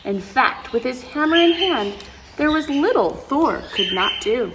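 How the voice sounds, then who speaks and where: With a high-sitting, expressive voice and a slightly slow delivery, a woman hosts story time, reading a storybook aloud to young children. She reads with feeling, adding exclamations and asides for her listeners. Background noise is clearly audible in the recording.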